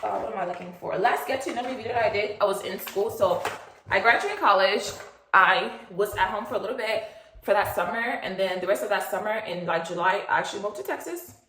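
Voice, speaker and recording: A woman's voice: mid-range voice, a little fast, pushed and bright, a little hiss or hum. A woman in her twenties from Nigeria, vlogging in a rambling, chatty way with lots of fillers and asides. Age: 20s. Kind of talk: casual chat, get-to-know-me story. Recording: echoey room.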